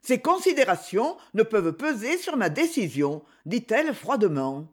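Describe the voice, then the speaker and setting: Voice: medium pitch, big pitch swings, normal speed. A narrator voicing a proud young woman who answers with firm, scornful defiance.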